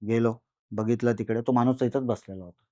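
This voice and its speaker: A man recounting a first-person horror experience in a podcast conversation, animated and repetitive with dramatic pauses. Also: mid-range voice, dry recording, studio quality. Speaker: guest storyteller.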